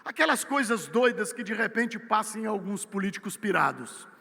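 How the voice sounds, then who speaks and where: A Brazilian man with a Brazilian Portuguese accent preaching a sermon, swinging from loud emphatic peaks to low, quiet asides. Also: animated, moderate pace, gravelly. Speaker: missionary preacher. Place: church. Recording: church hall with long reverb.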